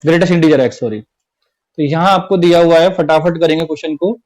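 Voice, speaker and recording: A man with a slightly high, brisk voice and a darkish tone teaches a class-twelve maths lesson online, captured on a low-quality recording. He works through each step, repeats the key points, and often says "theek hai."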